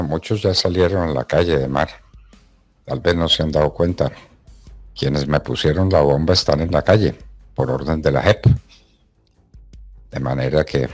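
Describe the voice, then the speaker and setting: A man with an extremely deep voice, hosting a radio talk segment. He speaks in an indignant, emphatic way, with faint music playing underneath. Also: a bit bright.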